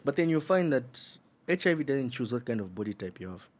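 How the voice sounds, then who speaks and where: A man's voice: mid-range voice, big pitch swings, fairly quick. A man co-hosting a podcast in casual chat, explaining points earnestly and teasing his co-host.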